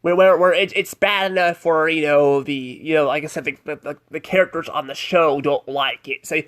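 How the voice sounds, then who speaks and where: A man's voice: fairly high pitch, fairly even intonation, normal speed, a bit bright. A man giving a casual spoken review of a cartoon episode, rambling and hesitant, filling gaps with "like" and "I don't know".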